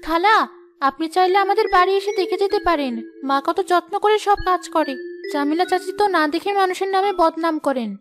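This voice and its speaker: A woman's voice: very high-pitched, fairly quick. A woman voicing a resourceful, hopeful village daughter who talks earnestly and encouragingly, over background music.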